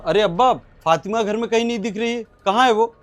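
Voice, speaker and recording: An actor playing a hotheaded loyal son who speaks with eager, threatening resolve. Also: male voice, high voice, a little fast, soft background music, natural voice. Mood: worried. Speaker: actor in a short drama. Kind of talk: Hindi short-film acting.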